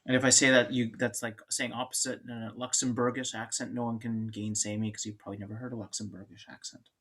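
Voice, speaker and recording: A man's voice: medium pitch, flat delivery, fast talker, bright, forceful tone. A man lecturing on chemistry in an informal, joking way, thinking aloud and restarting sentences. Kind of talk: classroom lecture.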